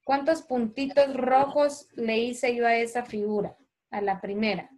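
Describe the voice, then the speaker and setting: A woman primary school teacher with a Honduran Spanish accent, teaching a children's online class slowly and clearly and calling the pupils by name. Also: on the high side, steady tone, darkish tone. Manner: patient, slow and clear, calls children by name. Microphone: video call.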